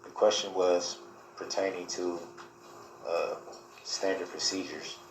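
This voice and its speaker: A man questioning a witness in a courtroom cross examination, speaking formally and haltingly. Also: deep voice, fairly even intonation. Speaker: defendant questioning a witness as his own lawyer. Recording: echoey courtroom with faint noise.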